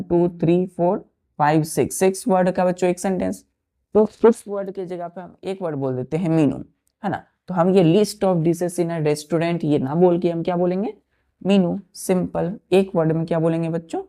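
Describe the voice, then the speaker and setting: A woman's voice: lowish voice, fairly even intonation, normal speed, mellow. A woman teaching an English vocabulary lesson to students, spelling out words letter by letter and often checking that they follow. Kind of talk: slow classroom vocabulary lesson.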